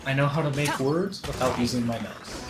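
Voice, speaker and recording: This man's medium-pitched voice moves a little fast as he streams a game, thinking aloud in a rambling, casual way with frequent restarts. Other people are in the room, and the recording is roomy and off-mic, with loud game music in the background.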